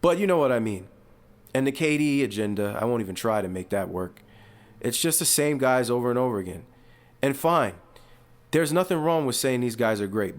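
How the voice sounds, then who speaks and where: A man hosting casual sports commentary, rambling and animated with frequent asides and restarts. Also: medium pitch. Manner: uses fillers and restarts, talks casually.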